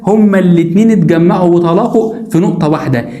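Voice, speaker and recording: A male teacher with an Egyptian Arabic accent rattles through a science lesson at great speed. He repeats key words over and over and keeps firing questions at the viewer. His somewhat high voice rings in an echoey room. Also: rapid-fire, dark tone. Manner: repetitive, emphatic, drills key words and asks the viewer questions. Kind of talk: classroom lesson explaining diagrams.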